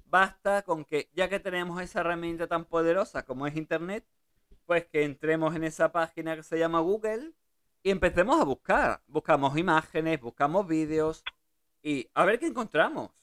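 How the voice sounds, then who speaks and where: A woman hosts a relaxed radio conversation, her voice smooth and clear. She talks in a chatty, easygoing way and laughs readily between thoughts. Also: low voice, normal speed. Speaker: radio host. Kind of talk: casual radio chat.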